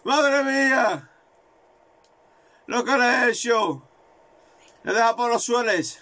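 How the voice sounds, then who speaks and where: A man commentating his own football video game, excitable and swearing, repeating words in rapid bursts. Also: very high-pitched. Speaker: gaming video creator.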